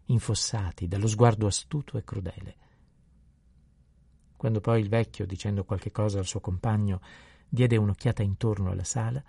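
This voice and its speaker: A man calmly narrating a novel in an unhurried reading voice. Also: on the low side, vocal fry, slightly rough, dry recording. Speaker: audiobook narrator.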